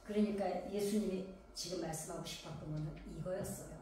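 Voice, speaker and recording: A woman's voice: fairly low pitch, steady tone, fast talker, dark tone, a little hiss or hum. A woman from Gangwon Province, South Korea, preaching a sermon in a conversational way, firing rhetorical questions at the congregation. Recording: very echoey hall, voice from a distance.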